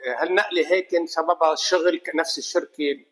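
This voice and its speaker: A man with a Lebanese accent hosting a podcast, reading a solemn intro and asking measured questions. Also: fairly high pitch, steady tone. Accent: Lebanese Arabic. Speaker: podcast host. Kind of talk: scripted intro and interview questions. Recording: roomy studio echo.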